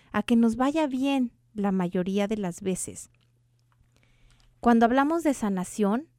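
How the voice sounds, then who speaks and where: A woman's voice: on the high side, warm tone, no echo, studio quality. A woman hosting a radio show on energy healing, talking earnestly and putting questions to the listener in a preachy way. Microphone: studio microphone.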